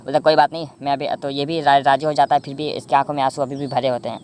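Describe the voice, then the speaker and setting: Fast, flat-voiced drama recapper from India. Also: mid-range voice, slight background noise. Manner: rambling, frequent self-corrections and fillers. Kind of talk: casual drama recap narration.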